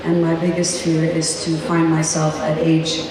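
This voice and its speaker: A woman's voice: low-pitched, completely flat delivery, measured pace. A woman in her fifties, an engineer and entrepreneur, speaking steadily and earnestly on a panel. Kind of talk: panel answers. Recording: echoey hall, mic far, noisy.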